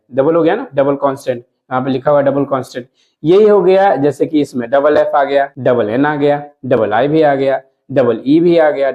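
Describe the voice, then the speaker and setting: A man teaching a lesson to viewers, explaining slowly, repeating words and asking himself questions as he goes. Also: fairly high pitch, lo-fi sound. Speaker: English teacher.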